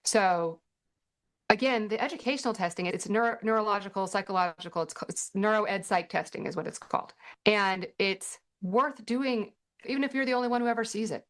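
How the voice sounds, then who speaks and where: Middle-aged lady answering parent questions, chatty, bit sarcastic, middle pitch. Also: fairly quick, fairly bright tone. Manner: chatty, with dry sarcastic asides. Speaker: workshop host and parent advocate. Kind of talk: casual teaching Q&A.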